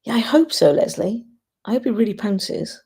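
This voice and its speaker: Female livestream host, husky and heavy on vocal fry, opinionated, informal, thinking out loud. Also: medium pitch, lively intonation, normal speed. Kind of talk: casual chat to live commenters.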